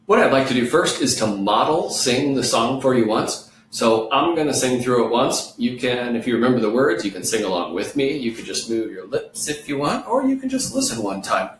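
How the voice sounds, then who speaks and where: A man teaching an online children's music lesson, leading slow, patient call-and-response. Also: medium pitch, big pitch swings, recorded from a distance, a little hiss or hum. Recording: echoey room with guitar playing.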